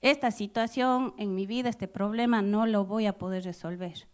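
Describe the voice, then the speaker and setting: A woman preaching a sermon to a congregation, expressive and personal, asking her listeners questions and dramatizing the scriptures she reads. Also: mid-range voice, normal speed, clean tone. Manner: expressive, acts out Bible quotes with loud outbursts.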